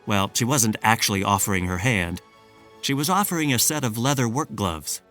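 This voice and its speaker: A man reading a children's storybook aloud in a measured, expressive storytelling manner. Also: lowish voice, soft background music. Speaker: storybook reader. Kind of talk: scripted narration.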